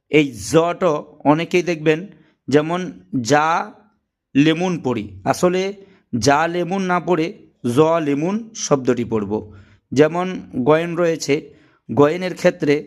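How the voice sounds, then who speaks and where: Gravelly Quran teacher, man. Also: fairly high pitch. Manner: patient, repeats letters one by one. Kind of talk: spoken lesson.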